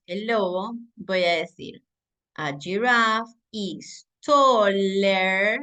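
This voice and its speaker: Slow, bright-voiced teacher woman. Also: mid-range voice. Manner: slow, deliberate explanations with frequent checking "¿sí?". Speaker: English teacher. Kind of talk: recorded grammar lesson.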